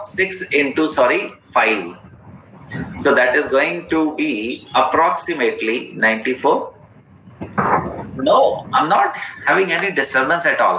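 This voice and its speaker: A man's voice: fairly high pitch, pushed and bright. A man with an Indian accent teaching an interactive online class, often repeating short instructions and putting questions to his students. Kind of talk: interactive online lesson, mixing English and Hindi. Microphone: online class call. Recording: roomy, dull lo-fi online class audio with faint noise.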